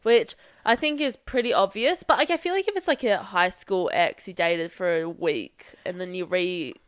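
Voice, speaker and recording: A young woman co-hosts a casual podcast with a stuffy, blocked-nose sound. Her pitch swings widely and she talks in an animated way. The recording is dry and close. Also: normal speed, smooth, no echo. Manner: lively, animated, laughs easily. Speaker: podcast co-host. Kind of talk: casual chat.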